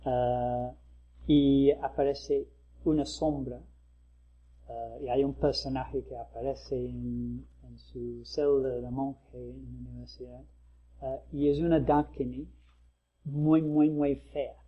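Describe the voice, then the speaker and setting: A male Buddhist teacher giving a talk, pausing often as he finds his words. His voice sits at a middling pitch. The recording is slightly dull and lo-fi. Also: flat delivery. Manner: measured, hesitant, with frequent pauses. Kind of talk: dharma talk.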